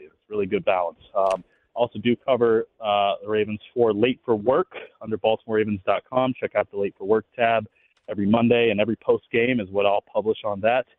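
Phone-quality male radio guest, a sports writer talking quickly and casually. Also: fairly low pitch, dry recording. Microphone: phone call into radio show. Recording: tinny narrow phone line.

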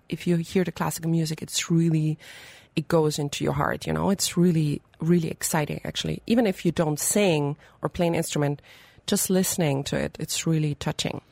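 A young woman with an Austrian German accent, talking in a bubbly, chatty way with plenty of fillers. Her voice sits a little low for a woman. The sound is close and dry, as in a radio studio. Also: moderate pace, creaky, few pauses, darkish tone, dry recording. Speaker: opera singer guest. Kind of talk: casual radio interview.

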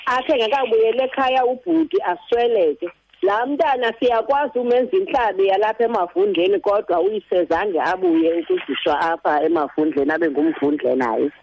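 A woman's voice: fairly high pitch, sing-song, normal speed, slight background noise. A woman with a Xhosa accent, calling in to a radio show to ask questions. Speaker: phone-in caller. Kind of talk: asking questions on a radio phone-in. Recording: dull phone-in line.

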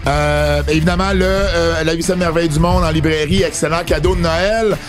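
A man's voice: a little high, steady tone, moderate pace, music in the background. A man with a Quebec French accent, co-hosting a podcast in casual, joking chat. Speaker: podcast co-host.

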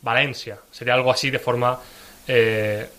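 A man's voice: medium pitch, flat delivery, a little fast, fairly bright tone. A man co-hosting a radio show, answering hesitantly and modestly. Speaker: radio co-host.

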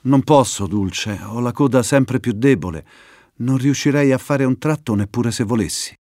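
A man's voice: mid-range voice, moderate pace, darkish tone, no echo, studio quality, natural voice. A man voicing a proud young female viper, an artist who talks in a fussy, exasperated way. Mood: reluctant.

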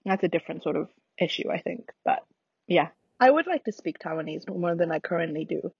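A woman's voice: on the low side, lively intonation, a little fast, vocal fry, darkish tone, breathy edge, no echo, dull audio. A woman with an American accent influenced by years in Britain, chatting casually and reflectively in thoughtful, hesitant phrases. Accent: American with British influence. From United States.

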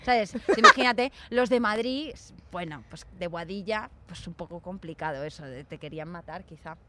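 A woman's voice: on the low side, normal speed, pushed and bright. A young woman from Spain chatting casually and telling stories, acting out the voices of people she quotes. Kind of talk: casual chat.

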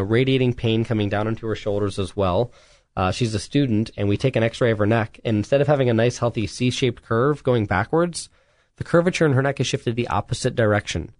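A man's voice: on the low side, darkish tone, no echo. Chiropractor guy on a radio health show, earnest and pushy, lots of you knows, dry close studio sound. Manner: earnest, urgent, with frequent restarts and "you know". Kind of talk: solo radio health talk.

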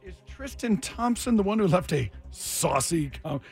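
Guy doing playful game show host banter on the radio, pretty high voice, music under him. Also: animated, moderate pace, vocal fry. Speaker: radio morning show host and quiz emcee.

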